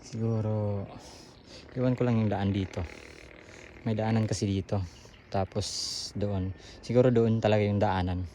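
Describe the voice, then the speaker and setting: A man's voice: on the low side, warm tone, slight background noise. A man, out of breath, chatting casually to viewers as he explores a hillside trail outdoors on a handheld camera. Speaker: vlogger. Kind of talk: casual running vlog narration.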